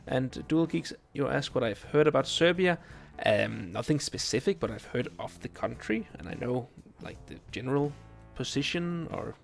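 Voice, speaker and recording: A young Danish man talks casually with his viewers while playing a game live. His voice is gravelly and mid-pitched, and he speaks with plenty of hesitations. Soft game music plays underneath. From Denmark. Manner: relaxed, halting, lots of ums and restarts. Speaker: streamer. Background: faint game music.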